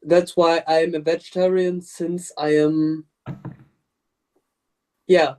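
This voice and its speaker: A man's voice: on the high side, flat delivery, slow, a little mellow. A man in a casual spiritual discussion on a podcast, talking candidly and laughing often as he tells stories. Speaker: podcast participant.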